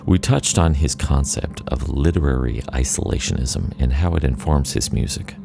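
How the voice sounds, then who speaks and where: A man hosting a music podcast, reading a polished introduction and then chatting with his guest in a relaxed way. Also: a bass voice, moderate pace, gravelly. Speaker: podcast host. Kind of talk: podcast interview.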